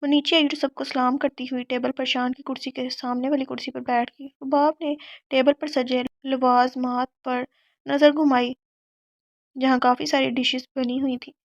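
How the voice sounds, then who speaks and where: High-voiced woman reading a novel. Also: no echo, highs cut off. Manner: steady storytelling. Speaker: audiobook narrator. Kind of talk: novel narration.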